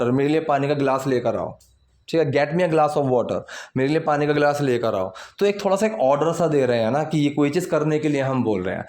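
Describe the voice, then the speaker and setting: A young man teaching English in Hindi, patiently explaining grammar and reading English sentences slowly and carefully. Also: fairly high pitch, darkish tone. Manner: explains patiently, repeats and translates phrases, reads English lines slowly. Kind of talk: Hindi-language English lesson.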